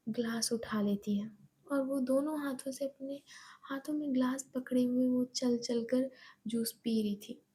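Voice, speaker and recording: A woman's voice: high voice, dark tone, slightly rough. Whispering woman telling a story.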